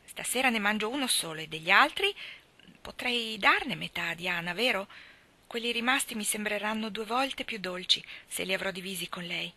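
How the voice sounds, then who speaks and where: A woman voicing a chatty, excitable young orphan girl who gushes and pleads breathlessly. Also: medium pitch, moderate pace. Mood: dreamy.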